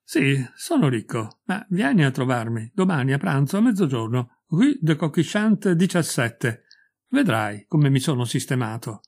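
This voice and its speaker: A man voicing a loud, boastful and crude middle-aged former schoolmate, talking in a hearty, pushy way. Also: mid-range voice, very animated, normal speed. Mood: boisterous.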